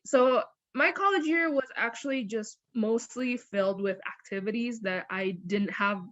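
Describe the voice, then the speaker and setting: A university counselor, a woman with a mid-range voice, fields student interview questions in a lively, chatty way and often corrects herself. The audio has no room sound and cut-off highs.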